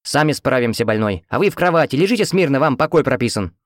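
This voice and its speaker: A man voicing a bossy, shrill older female head nurse who barks and scolds orders. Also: animated, fairly quick, no echo, studio quality, close to an everyday voice. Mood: scolding.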